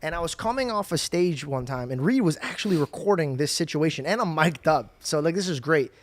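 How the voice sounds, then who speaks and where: A man's voice: on the high side, animated, a little fast. A man hosting a podcast, talking bluntly and joking as he tells stories in casual chat. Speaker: podcast host.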